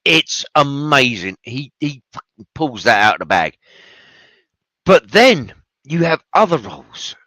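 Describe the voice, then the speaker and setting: Lively, bright-voiced man talking films. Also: medium pitch, measured pace, pauses often, no echo, rough recording. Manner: enthusiastic, swears freely, rambling asides. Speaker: podcast host. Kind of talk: casual film commentary.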